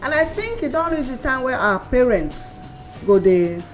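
A woman's voice: high voice, sing-song, moderate pace. Nigerian woman hosting in Pidgin, music behind. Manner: emphatic, repeats words and phrases. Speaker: radio talk show host. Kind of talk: casual current-affairs chat in Nigerian Pidgin.

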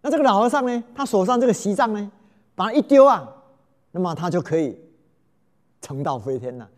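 A man's voice: sits high, fairly quick. A man telling a folk tale, exclaiming often and quizzing his listeners. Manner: animated, exclamatory, asks listeners questions. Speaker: storyteller.

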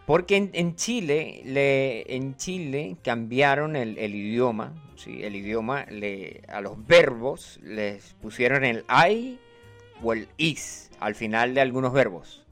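Man, radio chat, teacherly, animated quoting, faint music underneath. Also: slow pace. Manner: animated, teacherly, quotes phrases in a higher voice. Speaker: radio co-host. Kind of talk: casual radio chat explaining slang.

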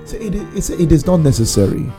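A man's voice: fairly high pitch, big pitch swings, fast talker, warm tone, soft background music. A man with a Nigerian accent relaying and discussing news reports casually in Nigerian Pidgin mixed with English.

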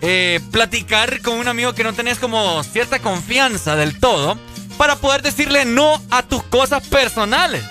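A man's voice: extremely high pitch, lively intonation, normal speed, sharp tone, soft background music. A man co-hosting a radio show in casual, joking banter. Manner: playful, joking, teasing. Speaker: radio co-host.

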